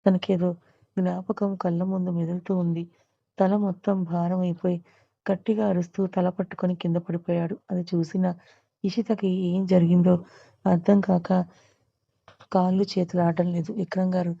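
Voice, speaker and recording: A woman narrating an audio story in a steady, even reading manner. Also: fairly low pitch, vocal fry, dry recording, muffled recording.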